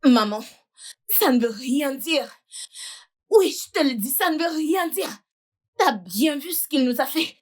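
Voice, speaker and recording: A woman voices a fierce young woman in a dubbed film drama, her fairly high voice hard with defiance. She insists on vengeance. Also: expressive, unhurried, pauses often. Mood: defiant. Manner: defiant, forceful. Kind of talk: French dub of a film.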